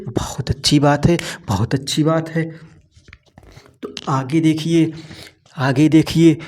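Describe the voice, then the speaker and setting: Brief: male biology tutor, slightly high voice, repetitive question-and-answer drilling. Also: fairly even intonation, slow, a little mellow. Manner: repeats key terms, asks and answers own questions; talks to students as "bhai sahab" and "beta". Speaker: biology teacher. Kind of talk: exam-prep lecture.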